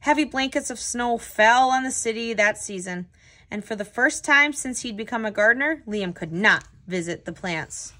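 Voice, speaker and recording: A woman hosting a children's read-aloud as a tutor, telling the story with clear, expressive phrasing. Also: fairly high pitch, normal speed.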